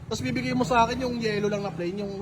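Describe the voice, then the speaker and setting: An exasperated man with a very high voice plays a customer in a comedy skit. He keeps accusing the vendor and swears casually. Loud noise runs under the recording. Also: fairly even intonation, quick pace.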